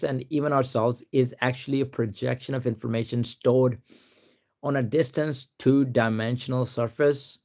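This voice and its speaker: A young Pakistani man with a Pakistani accent chats casually on a live stream, rambling, reading answers aloud and saying "to be honest" a lot. His voice is mid-range with a darkish tone.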